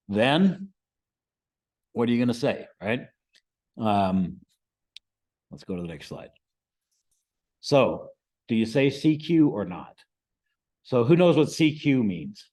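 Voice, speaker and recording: A man of medium pitch and darkish tone, this American amateur radio instructor presents informally to a group. He stays conversational, often asking quick questions to check in.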